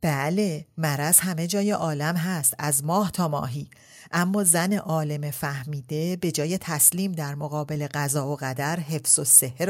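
An outspoken middle-aged brother from a storybook, read by a woman, teasing and lecturing in turn. The voice is low and the delivery plain.

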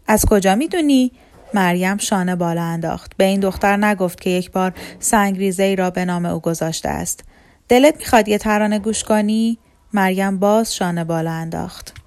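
A woman from Iran narrating a novel in a calm, measured audiobook reading. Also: fairly low pitch.

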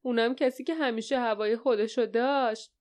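A woman voicing a small, wiry, boisterous man who teases and calls out loudly in an audiobook. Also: a little high, fairly even intonation, close to an everyday voice. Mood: teasing. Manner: teasing, loud and gleeful. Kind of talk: audiobook character voice.

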